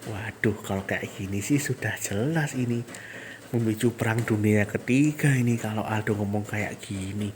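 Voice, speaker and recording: A man's voice: on the low side, moderate pace, a little hiss or hum. Chatty man commenting on a game story. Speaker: fan dubber and game commentator.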